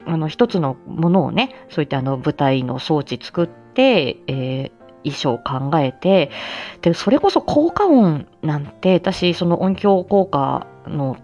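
Deep, dark and expressive, this woman's voice moves at a measured pace while she hosts a live audio stream full of reminiscing and listener replies. An amateur voice drama actor, she is self-deprecating and laughs frequently. The stream sounds muffled and lo-fi, with music in the background.

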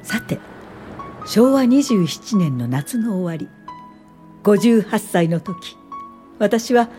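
An actress with a fairly high, mellow voice plays a thoughtful welfare official in her late fifties in a radio drama. Across narration and dialogue she speaks politely and reflectively, with a measured storytelling manner.

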